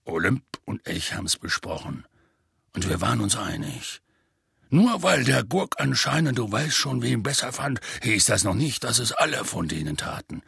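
A man voicing a huge, gruff half-giant gamekeeper in an audiobook, telling his story in a rough, folksy way. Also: big pitch swings, moderate pace, fairly bright tone, no echo, studio quality, full character voice. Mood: gruff storytelling. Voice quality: deep and gravelly. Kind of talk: audiobook character voice.

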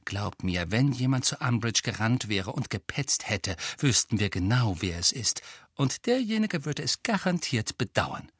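A man's voice: medium pitch, sing-song, measured pace, husky, no echo. A man voicing a clever, principled teenage girl with a firm, know-it-all way of talking, in an audiobook reading. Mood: grim.

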